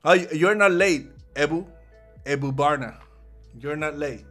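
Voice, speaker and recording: A man's voice: on the high side, unhurried, a bit bright, soft background music. A man from Puerto Rico with a Puerto Rican accent, giving casual live trading commentary and often repeating words as he thinks aloud. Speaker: trader hosting a live trading stream.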